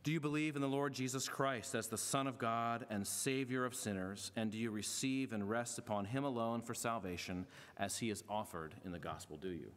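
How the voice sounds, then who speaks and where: A man's voice: medium pitch, brisk. A middle-aged man, a pastor, speaking from a pulpit in a large church sanctuary, mixing formal readings with friendly joking asides. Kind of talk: church membership service address. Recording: long reverb of a church hall.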